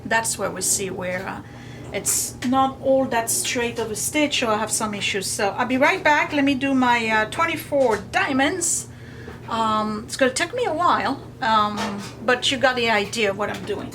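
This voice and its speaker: Higher-voiced woman crafting, machine noise behind. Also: moderate pace. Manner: explains step by step, checking understanding. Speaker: quilting tutorial host. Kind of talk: casual hands-on craft tutorial. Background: sewing machine noise.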